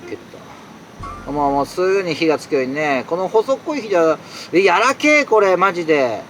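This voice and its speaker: Chatty high-pitched man camping in a tent. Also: lively intonation, a little fast, fairly bright tone, soft background music. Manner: chatty, exclamatory, answers viewer comments. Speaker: solo camping streamer. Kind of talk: casual live-stream chat while camping. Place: inside a tent while it rains.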